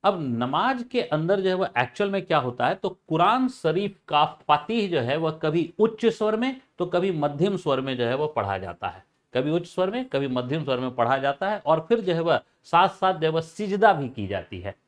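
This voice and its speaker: A man explaining a topic for a channel, halting and full of filler phrases and repeats. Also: on the high side, very animated. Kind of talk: informal educational explanation.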